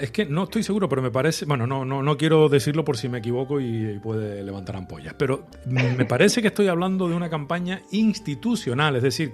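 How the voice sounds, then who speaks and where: Chatty host who hedges. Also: male voice, medium pitch. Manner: chatty, hedging, laughs between remarks. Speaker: host, also an ad voice-over artist. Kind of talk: casual interview chat.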